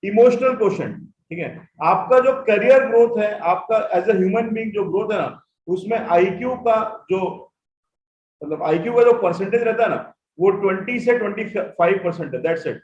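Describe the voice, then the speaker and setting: A man's voice: high voice, a little mellow. A man teaching an online class, who repeats key points and keeps checking whether his students follow. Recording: echoey room, dull audio, faint noise.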